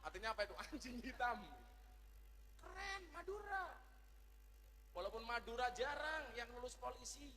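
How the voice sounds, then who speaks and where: A man's voice: very high voice, lively intonation, moderate pace, long pauses, big-room sound. A middle-aged man preaching a humorous sermon, joking and mimicking regional dialects.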